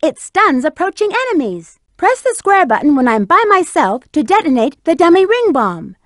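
A confident, flirty lady bat treasure hunter from a video game. Her voice sits high and swings up and down with lots of expression. She delivers hints crisply and coquettishly, recorded close and dry. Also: big pitch swings, normal speed, no echo. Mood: confident, instructive.

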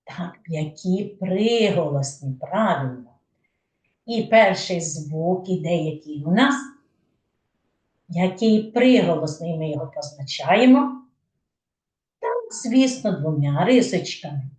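A woman's voice: on the low side, lively intonation, takes it slowly, a little mellow. A woman with a Ukrainian accent teaching a patient, question-led phonics lesson to preschool children. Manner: patient, asks questions then answers them herself. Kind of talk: slow didactic lesson for young children. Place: kindergarten room. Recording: echoey room, voice from a distance.

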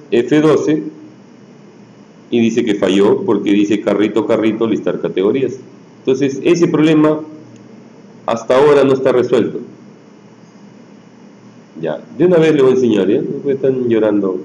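Dark-voiced man teaching a coding class. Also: mid-range voice, a little hiss or hum. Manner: casual, peppers speech with tag questions. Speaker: programming instructor. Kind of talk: live coding lesson. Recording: roomy echoey room.

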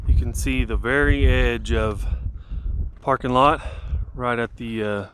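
Filming at arm's length as he heads down a mountain trail, a man in his thirties chats casually, his speech loose and full of fillers and restarts. His mid-range voice is a little slow, with background noise present.

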